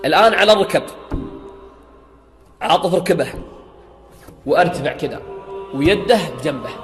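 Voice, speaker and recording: Speaking at a normal pace in a fairly high, expressive voice, this man preaches in sermon style, recounting an eyewitness story. He swears oaths and rises to an emphasis that is nearly a chant, with faint music audible in an echoey hall.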